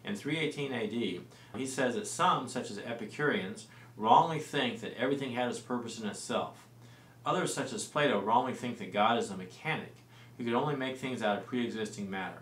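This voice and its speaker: A man in his forties explaining early church history in a studio discussion, relaxed and full of fillers and restarts. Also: mid-range voice, brisk. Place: small studio set with lamp and plants. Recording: roomy and distant-sounding with faint noise.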